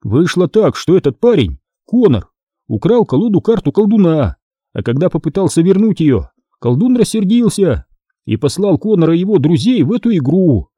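A man's voice: high voice, sing-song, normal speed, dark tone, slightly rough, no echo, voice pushed up, full character voice. A man voicing an exasperated twelve-year-old boy arguing with his sister in an audiobook. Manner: exasperated, insistent. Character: indignant twelve-year-old boy who loves fantasy books. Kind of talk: audiobook character voice.

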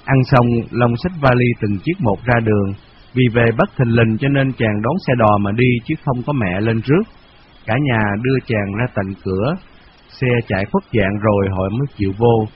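A man reading a novel aloud in a steady, measured storytelling voice, on a dull lo-fi radio recording. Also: medium pitch, a little hiss or hum. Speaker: narrator.

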